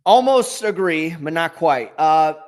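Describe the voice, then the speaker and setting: Sports co-host, a man with a fairly high voice, rambling and self-correcting picks. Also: lively intonation, a little slow, darkish tone. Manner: thinks aloud, self-correcting. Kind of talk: casual sports talk.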